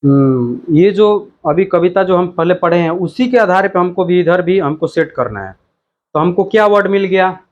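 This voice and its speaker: A man's voice: high-pitched, lo-fi sound. A male teacher explaining a textbook lesson, repeating himself and reading words out one by one. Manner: slow, repetitive, reads words out one by one.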